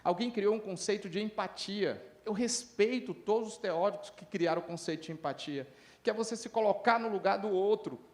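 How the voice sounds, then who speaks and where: A middle-aged man giving a lively conference talk, telling stories and acting out the people in them. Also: high voice, moderate pace. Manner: lively, acts out dialogue in different voices. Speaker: lecturer at a conference.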